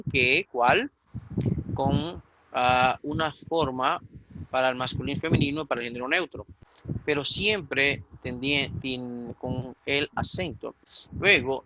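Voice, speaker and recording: A man's voice: mid-range voice, pushed and bright, a little hiss or hum, rough recording. A man with a Dominican accent teaching a recorded Koine Greek class, explaining things step by step with frequent fillers and self-corrections, and repeating points for emphasis. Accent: Dominican Spanish. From Dominican Republic.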